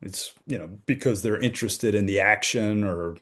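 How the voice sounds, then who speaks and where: Relaxed man leading a podcast chat. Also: lowish voice, moderate pace. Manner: relaxed, runs the topic list. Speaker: podcast co-host. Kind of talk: casual chat.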